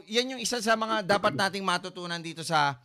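Male sports host, bright, high, chatty, leans on tag questions. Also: a little fast, gravelly. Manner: repeats "correct", "tama", "di ba". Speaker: sports talk show host. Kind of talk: casual chat.

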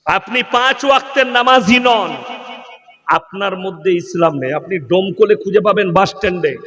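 High-voiced preacher with a Bengali accent. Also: male voice, moderate pace, fairly bright tone, big-room sound. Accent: West Bengal (Bardhaman). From West Bengal, India. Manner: mocking, fires rhetorical questions at the crowd. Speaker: Islamic preacher. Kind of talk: humorous sermon.

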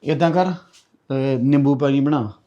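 A man acting a young husband who sides with his mother and tries to calm his wife. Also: mid-range voice, measured pace, lo-fi sound, close to an everyday voice. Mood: placating. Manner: pleading, placating. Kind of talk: web drama acting.

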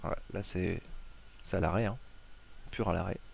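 A man casually talking viewers through a screen-recorded tutorial, relaxed and hesitant with frequent fillers. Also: deep voice, moderate pace, gravelly, a little hiss or hum. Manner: talks viewers through steps directly. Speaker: tutorial host.

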